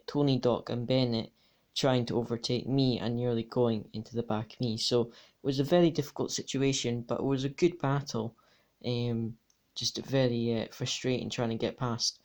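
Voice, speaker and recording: Male sim racer, voice-over commentary, matter-of-fact, mid-pitched voice. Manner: matter-of-fact, talks through laps turn by turn. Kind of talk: race replay commentary.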